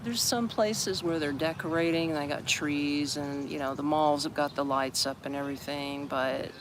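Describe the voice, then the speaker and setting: Sitting outdoors on steps in a busy city park, a man from Orlando, Florida, chats and rambles to his live-stream viewers, welcoming people as they arrive. He's an expat livestreamer with a fairly high, steady voice at a moderate pace, and traffic and street noise run through the recording.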